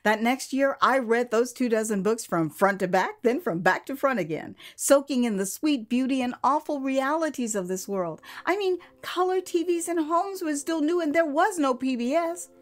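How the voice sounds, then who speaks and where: Her pitch sits high as she recounts her own memoir, an American woman voicing it like theatrical audio drama at a moderate pace with hardly any pauses. She draws out words to stress them and adds conversational asides.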